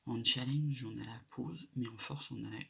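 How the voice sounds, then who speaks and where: A man giving a quiet, whispered late-night tarot reading in a hushed, gravelly voice. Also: mid-range voice, fairly even intonation, normal speed. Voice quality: gravelly, creaky. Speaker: tarot card reader. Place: indoors at night. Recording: noisy amateur live recording with clicks.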